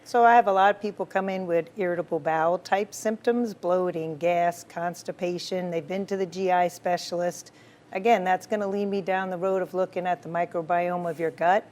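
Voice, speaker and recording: A woman's voice: lowish voice, steady tone, normal speed, a little mellow. A woman doctor being interviewed, explaining medicine and cases in a confident, explanatory way and often saying "right.". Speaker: physician, guest.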